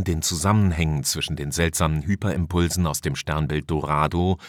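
A man reading a science fiction audiobook in an even, measured storytelling voice. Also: low-pitched, no echo, clean studio sound. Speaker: audiobook narrator. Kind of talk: scripted narration.

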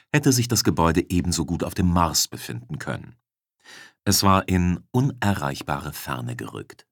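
A man reading an audiobook as its narrator, in a measured, dramatic way. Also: low voice, no room sound, studio quality.

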